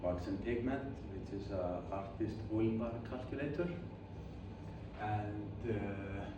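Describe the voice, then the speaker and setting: A man's voice: fairly low pitch, slow pace, muffled recording. A man in his forties from Iceland, a painter chatting casually in his studio and often correcting himself as he talks. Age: 40s. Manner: rambling, self-correcting, chatty. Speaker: painter demonstrating his materials. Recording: very echoey studio, distant mic, clear background noise.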